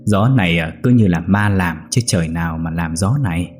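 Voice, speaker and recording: A man's voice: low voice, normal speed, a little mellow, faint music behind, natural voice. Man voicing a chatty superstitious village woman.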